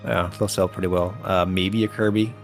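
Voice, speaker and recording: A man's voice: low-pitched, steady tone, normal speed, soft background music. A man co-hosting a casual chat, sarcastic and swearing often, laughing a lot. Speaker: podcast co-host.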